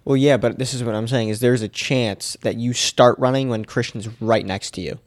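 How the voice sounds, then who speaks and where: A man's voice: mid-range voice, fairly even intonation, moderate pace, no echo, studio quality. A man in a casual podcast chat, skeptical and pushing back on the others.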